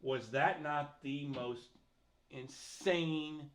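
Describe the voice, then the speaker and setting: A middle-aged man hosting a casual livestream chat, animated and reading viewer comments aloud. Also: fairly high pitch, extremely slow. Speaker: host.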